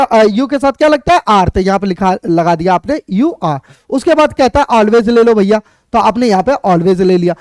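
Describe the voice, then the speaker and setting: Speaking Hindi, a teacher walks through English grammar step by step, posing questions and answering them, and slows down to spell out each example sentence. The voice is medium-pitched and a little mellow, with no room sound.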